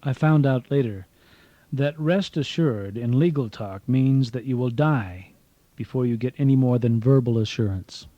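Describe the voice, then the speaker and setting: A man's voice: medium pitch, moderate pace, dark tone, dry recording, muffled recording. A man reading his own memoir as an audiobook, telling it earnestly with dry asides, heard from a cassette tape recording. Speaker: author narrating his memoir.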